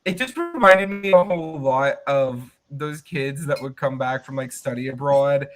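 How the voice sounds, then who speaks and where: A man's voice: mid-range voice, moderate pace, fairly bright tone, faint music behind. A man from the United States co-hosting a casual podcast, easygoing and reassuring. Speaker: podcast co-host.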